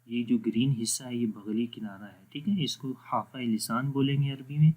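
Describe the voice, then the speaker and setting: A man with an Urdu accent teaching Quran pronunciation in an online tajweed lesson. He explains patiently, checks that students follow, and slowly stretches out letters in practice drills. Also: medium pitch, steady tone, a little mellow, dull audio. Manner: patient, explanatory, repeats "theek hai" to check understanding; drawn-out slow recitation of letter drills.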